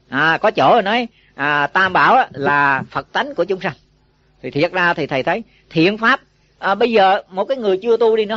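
A man's voice: high voice, pushed and bright, no room sound. Man, Buddhist teacher, folksy dharma talk, asks listeners questions, dry close sound. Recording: dull lo-fi recording.

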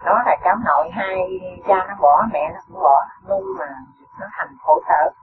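A man's voice: high voice, moderate pace. An older man, a follower, describing his family troubles in a weary, troubled way. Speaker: follower asking a question. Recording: distant, phone-like and noisy.

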